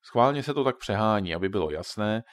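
A man's voice: lowish voice, lively intonation, no echo, clean studio sound, natural voice. A man voicing a joking father who patiently explains things to his children in a storybook reading. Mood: jokey explaining.

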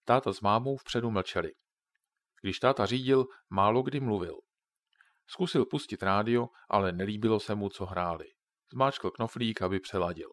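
Brief: low-voiced male narrator, calm storytelling, dry close studio sound. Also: dry recording. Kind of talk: audiobook narration.

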